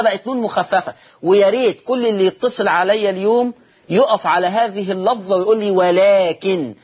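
Egyptian sheikh teaching recitation, pretty high voice, husky, keeps asking then answering himself. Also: male voice. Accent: Egyptian Arabic. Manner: asks students questions and answers them himself, drawn-out quoted recitations. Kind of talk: televised religious lesson.

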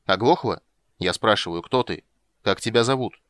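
A man reading an audiobook and voicing a gruff male witcher who asks curt, scolding questions. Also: on the low side, moderate pace, no room sound, studio quality, natural voice. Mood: impatient. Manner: sharp, blunt, irritated questioning. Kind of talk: audiobook character voice.

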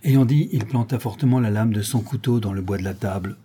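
A man narrating an audiobook in a steady, measured storytelling manner. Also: on the low side, breathy edge. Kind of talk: scripted narration.

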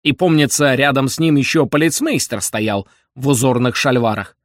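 A man voicing a confident, smooth-talking male con man who speaks in a genial, playful way. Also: mid-range voice, steady tone, normal speed, no echo, clean studio sound, lightly acted.

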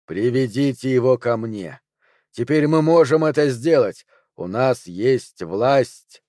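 Witch woman, seductive and commanding, heightened and loud, as a male narrator puts her on; dry close read. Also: medium pitch, expressive, slow pace, no room sound. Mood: urgent. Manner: insistent, incanting.

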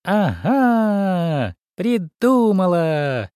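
A man voicing a bossy, chatty big female mouse in a storybook reading, with a squeaky voice. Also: sing-song, normal speed, darkish tone, no echo, clean studio sound, lightly acted. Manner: bossy, fussy.

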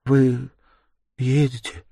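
A man reading an audiobook voices a timid, meek young woman who speaks softly and hesitantly, at times pleading. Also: mid-range voice, monotone, slow pace, creaky, no echo, studio quality, pitched above the performer's own voice. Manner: soft, hesitant, rising to tearful pleading.

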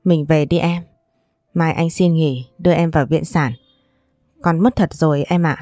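A woman's voice: low voice, fairly even intonation, normal speed, dark tone, dry recording, studio quality, soft background music, lightly acted. A woman voicing an insistent young husband. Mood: choked. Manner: pressing, insistent questions. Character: distraught young husband, loud and demanding.

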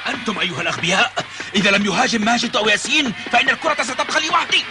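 A cartoon soccer kid bossing the team, scornful, high and really fast, loud music. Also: male voice. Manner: commanding, forceful. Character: bossy, scornful young male football player urging teammates.

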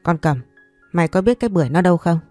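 A woman's voice: on the low side, expressive, racing, mellow, no room sound, faint music behind, lightly acted. A woman voicing a harsh rural mother who scolds and threatens in a story reading. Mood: furious.

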